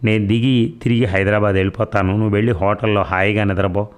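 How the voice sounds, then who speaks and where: A teasing young husband full of banter and mock sulks, as a male narrator reads him. His voice sits low and plain, the tone of an audiobook romance. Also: steady tone, fast, close to an everyday voice. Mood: mock angry. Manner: playful banter, mock pleading. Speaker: doctor.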